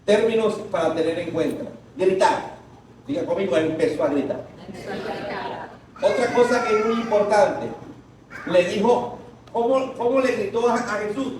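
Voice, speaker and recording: A man preaching a sermon to a congregation, leading them in call-and-response and breaking into shouted quotes. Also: high-pitched, lively intonation, moderate pace, pauses often, a little hiss or hum. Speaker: pastor. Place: large echoing church hall. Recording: echoey distant church recording.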